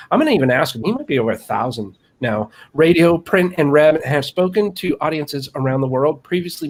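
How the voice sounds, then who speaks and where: A man's voice: on the high side, a little hiss or hum. Friendly man hosting a webinar. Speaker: webinar host. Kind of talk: hosting a live webinar, introducing a guest.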